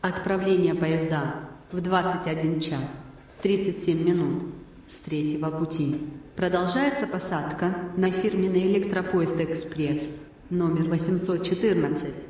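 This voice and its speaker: A woman makes a formal public-address announcement, like those in a station or airport. Her voice is a little low and measured. It comes muffled and heavily echoing, from some way off. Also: slight background noise. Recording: muffled, very echoey distant station loudspeaker.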